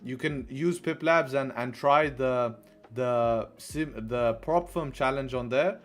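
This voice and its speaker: Soft music plays behind a young Dubai man's slow, medium-pitched voice as he commentates a live trading stream. He's laid-back, addressing viewers as "bro" and "man" and repeating phrases often, and speaks through a headset in a small room.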